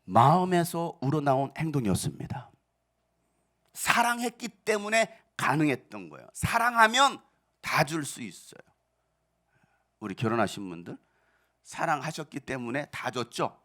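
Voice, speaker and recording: A middle-aged man preaching a sermon as pastor, emphatic, asking rhetorical questions and swinging between soft and loud passages. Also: a little high, wildly swooping pitch, normal speed, pauses often.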